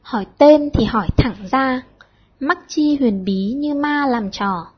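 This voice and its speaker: A shy, flustered teenage boy poet, as a woman reader puts him on, hesitant and quick to fumble his words. The voice stays fairly high and husky. It comes through a dull, lo-fi recording. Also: full character voice. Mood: bashful. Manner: hesitant, bashful, stammering.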